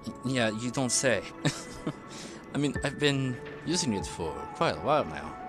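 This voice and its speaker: With a medium-pitched voice that swings widely, this male streamer talks at a measured pace, casually and playfully narrating his game. He reacts chattily and parrots character dialogue as game music runs beneath.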